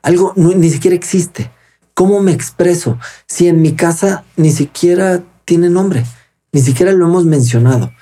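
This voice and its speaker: A man talks as an interview guest, earnest and patient. His voice sits a touch high, with a mellow, husky tone. He explains step by step and acts out bits of dialogue along the way. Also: moderate pace. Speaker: guest expert on child protection.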